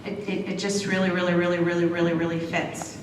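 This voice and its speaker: A woman's voice: fairly low pitch, level tone, quick pace, slight background noise. A woman giving an earnest, direct talk to students, often repeating words for emphasis. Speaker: guest speaker. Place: large school hall. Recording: echoey hall, distant mic.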